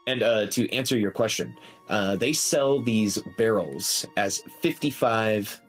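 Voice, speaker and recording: Low-voiced male game master over faint music. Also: measured pace. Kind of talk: casual tabletop game narration.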